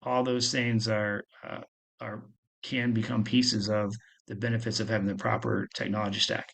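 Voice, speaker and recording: A man with a gravelly, creaky voice presents on a webinar over a video call. His delivery stays flat and even, and he ends point after point with a quick "right?". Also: fairly low pitch. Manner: tags statements with "right?". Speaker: guest speaker.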